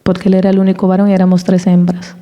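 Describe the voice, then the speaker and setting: A woman with a soft, mellow voice shares a personal testimony in a church. She tells her story animatedly and acts out the voices in it. Her words ring with the long reverb of a large hall. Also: fairly low pitch, very fast. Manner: animated storytelling, acting out quoted dialogue; laughs between anecdotes. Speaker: church speaker giving a testimony.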